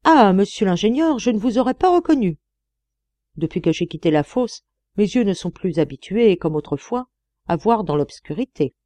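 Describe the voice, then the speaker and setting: A woman's voice: lowish voice, expressive, moderate pace, no room sound, lightly acted. A woman voicing a cheerful young male miner turned farmhand who loves to sing, talking in a jovial, hearty way. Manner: jovial, hearty, calls out loudly.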